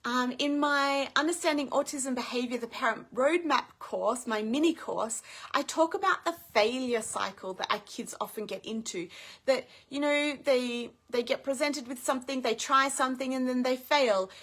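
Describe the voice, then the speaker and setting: A woman's voice: sits high, moderate pace, fairly bright tone. A woman parent coach teaching in a live video, upbeat and explaining step by step.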